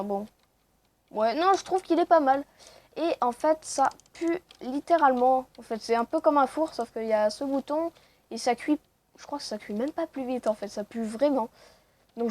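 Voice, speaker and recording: A woman's voice: a little high, darkish tone. A woman casually commenting on her own gameplay, chatty and self-mocking. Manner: chatty, self-mocking, lots of "voilà" fillers. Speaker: let's play host.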